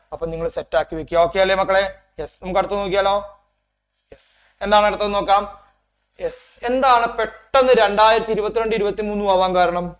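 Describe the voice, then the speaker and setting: A man teaches an exam-prep Hindi lesson in a fairly high voice. He reads the text out slowly and carefully, then turns to his students with a stream of quick check-in questions, calling them "children". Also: a bit bright. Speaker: Hindi tutor.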